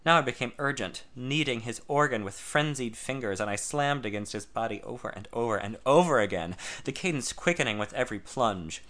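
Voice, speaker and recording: Bright-voiced man narrating a story. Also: medium pitch, lively intonation, a little fast, hardly any pauses. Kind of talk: first-person story narration.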